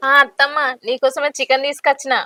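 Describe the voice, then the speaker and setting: A woman's voice: high-pitched, monotone, quick pace, natural voice. A woman playing a coaxing young daughter-in-law. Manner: coaxing, polite. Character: sweet-talking young village daughter-in-law. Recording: background music under dialogue.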